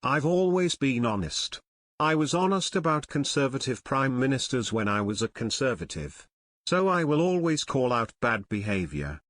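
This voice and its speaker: A male narrator reads a news story in a measured, even delivery at a middle pitch. The recording is close and dry, with no room sound. He reads the quoted lines in the same voice he uses for the rest of the story. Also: no room sound.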